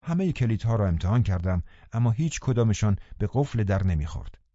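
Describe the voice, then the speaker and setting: Man, audiobook narration, calm, measured, mellow, muffled dry recording. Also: fairly low pitch, dry recording. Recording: dull dry studio recording.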